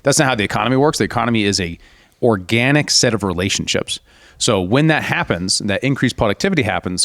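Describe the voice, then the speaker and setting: Co-hosting a casual political podcast, a man with a fairly low, fairly bright voice explains his points at length, arguing in long runs and mocking opposing views in a raised voice. The studio-quality recording is dry.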